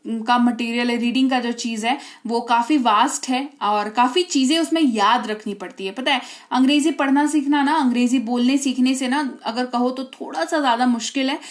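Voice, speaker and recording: A woman's voice: on the high side, moderate pace, hardly any pauses. A woman English teacher explaining spelling and pronunciation rules step by step, often checking with "okay?". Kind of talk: explaining phonics lesson.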